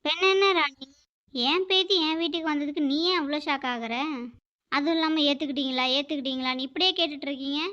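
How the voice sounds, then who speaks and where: A woman's voice: high-pitched, fast, sharp tone. A woman voicing a stern, proud old grandmother in a cartoon who defends her family in a firm, scolding way. The recording is dull and lo-fi. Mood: indignant. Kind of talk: animated cartoon dialogue. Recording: dull lo-fi audio.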